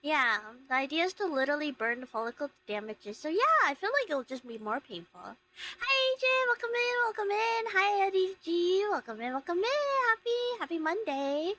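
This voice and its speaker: High, bright, animated woman livestreamer. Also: normal speed. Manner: giggly, expressive, rambling. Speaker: livestream host, VTuber streamer. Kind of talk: casual chat with live viewers.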